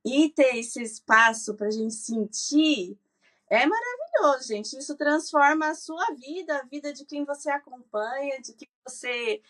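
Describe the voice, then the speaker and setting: A woman's voice: high-pitched, animated, unhurried, a bit bright, recorded from a distance. A woman co-hosting a podcast in casual chat, enthusiastic and speaking straight to listeners. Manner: enthusiastic, addresses listeners directly. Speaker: podcast co-host. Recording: voice a bit off-mic.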